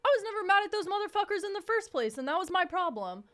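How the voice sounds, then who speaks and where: A woman in her twenties co-hosting a podcast, chatting casually in a blunt, profane and animated way. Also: extremely high pitch, fast talker. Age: 20s. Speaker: podcast co-host. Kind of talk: casual chat.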